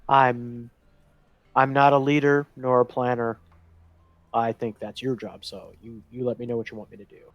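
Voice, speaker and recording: A man's voice: mid-range voice, little pitch movement, moderate pace, no echo, highs cut off. A man playing a tabletop game, talking in a hesitant, rambling way with lots of fillers. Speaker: player. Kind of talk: casual tabletop play.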